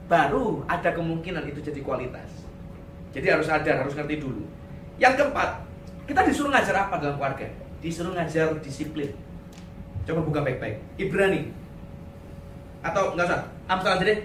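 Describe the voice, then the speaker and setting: A male pastor giving a lively sermon in a church, sprinkling in English words and acting out quotes. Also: a little high, normal speed, pauses often. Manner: animated, mixes in English words, acts out quotes. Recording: echoey room, distant mic, faint noise.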